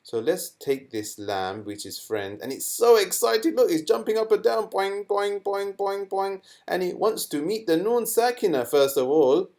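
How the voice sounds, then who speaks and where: A man teaching children a lesson in a playful, animated way, asking questions and making sound effects. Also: sits high, moderate pace, hardly any pauses.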